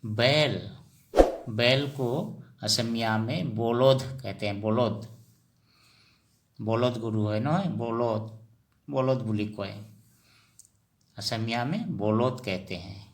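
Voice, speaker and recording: A man teaching vocabulary in Hindi, repeating each word slowly and asking and answering his own questions as he addresses viewers as friends. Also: mid-range voice. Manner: slow and repetitive, drills each word. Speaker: language teacher.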